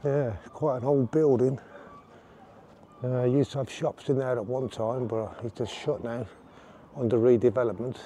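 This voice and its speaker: A man giving a casual outdoor walking tour, relaxed and rambling with fillers. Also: mid-range voice, moderate pace, slight background noise. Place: outdoors on town streets.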